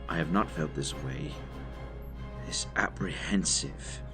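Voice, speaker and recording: Deep-voiced, grave older Doctor Watson, acted by a man. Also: loud music behind the voice, exaggerated voice. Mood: grave, apprehensive. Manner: formal, measured, literary phrasing. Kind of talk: audio drama acting with journal narration.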